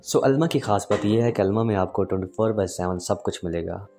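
Mellow and on the low side, a Pakistani-accented vlogger in his 20s talks quickly and casually to camera on a phone held at arm's length. The university student explains things, mixes in English words, and wanders outdoor city streets and shop interiors, with background music added over the vlog.

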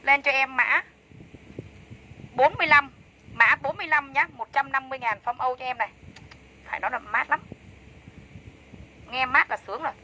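A woman's voice: high-pitched, a little fast, long pauses, sharp tone, a little hiss or hum, low-quality recording. A woman selling clothes on a livestream, chatty and enthusiastic, repeating prices over and over. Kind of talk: fast live-sale patter.

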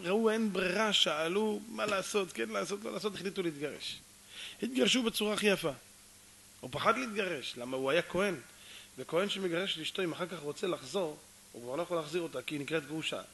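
Male rabbi preaching through a story, bright and sharp, lively delivery. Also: sits high, creaky. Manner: animated, addresses audience often, acts out dialogue. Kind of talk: storytelling sermon.

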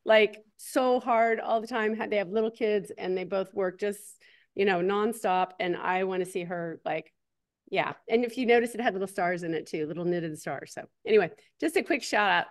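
A woman's voice: medium pitch, normal speed. A woman co-hosting a livestream in a casual, chatty style. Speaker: livestream co-host.

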